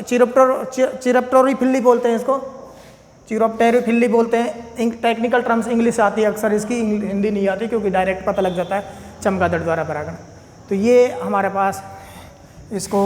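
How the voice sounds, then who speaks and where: High-voiced man teaching, echoey hall. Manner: repeats key points, asks and answers his own questions. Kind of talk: classroom biology lesson. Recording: echoey room with long reverb.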